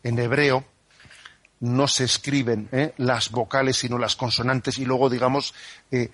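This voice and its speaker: A man from Spain, a priest explaining the catechism on a radio program, who talks in an unhurried, conversational way and keeps checking in with "¿eh?" and "¿no?". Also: mid-range voice, little pitch movement, a bit bright, no echo. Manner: unhurried and conversational, full of "¿eh?" and "¿no?" tags. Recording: dry studio radio broadcast.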